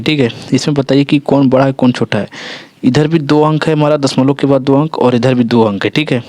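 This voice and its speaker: A male teacher with a Jharkhand Hindi accent walks students through a school maths lesson, pausing often to check they follow. He corrects his own slips as he goes. His mid-pitched voice sounds dry and close, with no room echo. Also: a little mellow. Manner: explains step by step, often checks in with "ठीक है" and "देखिए". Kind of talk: classroom-style maths lesson.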